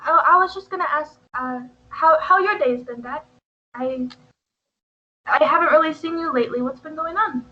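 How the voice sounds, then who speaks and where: A woman's voice: high voice, moderate pace, highs cut off, lightly acted. A woman voicing the young daughter of a lord, eager and hesitant, stammering and repeating her words.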